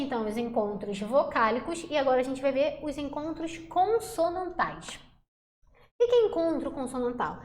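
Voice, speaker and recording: Lady teacher w a high voice, chatty, lots of echo in the room, spells out syllables slow. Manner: casual, chatty, addresses class as galera and gente; slows to sound out syllables. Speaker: Portuguese teacher. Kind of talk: exam prep grammar lesson. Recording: roomy echo.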